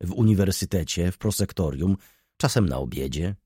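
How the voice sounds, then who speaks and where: Male reader as smug student lodger: syrupy politeness, low and animated, dry close mic. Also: normal speed, husky, no room sound, full character voice. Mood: mock-polite. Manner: sugary, mock-courteous. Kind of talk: audiobook reading.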